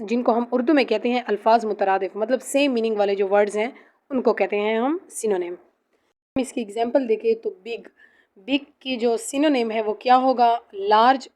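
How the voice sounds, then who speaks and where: A woman teaching a test-prep grammar lesson, explaining slowly and reading definitions aloud, with frequent filler pauses. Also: a little high, a little mellow.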